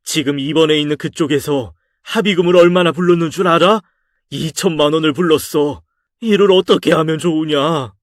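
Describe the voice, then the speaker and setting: A man's voice: a little high, measured pace, no room sound, pitched above the performer's own voice, natural voice. Man voicing a scolding father, storybook reading, raised exasperated voice, dry sound. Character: stern scolding middle-aged father. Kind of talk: audio drama story reading.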